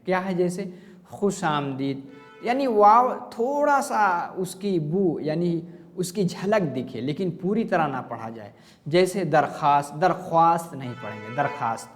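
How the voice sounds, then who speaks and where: A man's voice: fairly high pitch, in a large hall. A male teacher giving a grammar lesson, asking questions and answering them himself, repeating the key points. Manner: slow and repetitive explaining.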